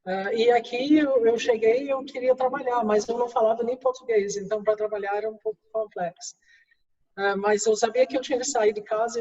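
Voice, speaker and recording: In a distant, roomy and dull recording, a guest executive, a middle-aged woman from England, answers interview questions in a second language. She has an English accent and a mellow, mid-range voice, and she restarts often and leans on fillers.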